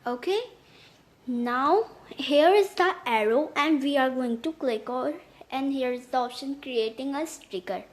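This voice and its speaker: A woman hosts a step-by-step tutorial in a high voice. She goes slowly, with halting phrasing that often repeats itself as she explains each step. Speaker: tutorial host. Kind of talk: step-by-step app tutorial narration.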